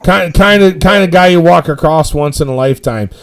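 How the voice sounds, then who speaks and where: A man's voice: on the high side, brisk, clean tone. A middle-aged man hosting a powerlifting live stream, telling stories in a rambling, profane, emphatic way. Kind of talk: casual storytelling chat.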